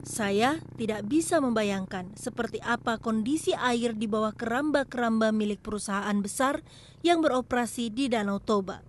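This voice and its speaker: A female news reporter giving a measured, scripted narration for an investigative report. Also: on the high side, slight background noise.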